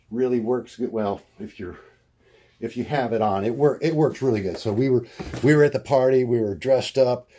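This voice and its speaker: A man talking to his camera at home in a rambling video diary, halting often with fillers and restarts as he hunts for words. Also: mellow, slight background noise. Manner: acts out quoted voices in a much higher pitch. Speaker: vlogger.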